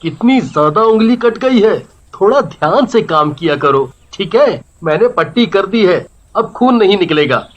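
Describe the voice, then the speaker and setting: A performer voicing a gentle young male doctor who speaks in a soft, caring, mildly scolding way. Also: high-pitched, expressive, measured pace, lo-fi sound. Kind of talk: storybook voice acting.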